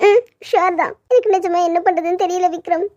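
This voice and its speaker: A very high, pleading voice of an anxious young daughter in a cartoon, performed by a woman. She sounds worried and close to tears as she speaks. The sound is dull and lo-fi. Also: steady tone, fairly quick, dark tone. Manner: pleading, upset.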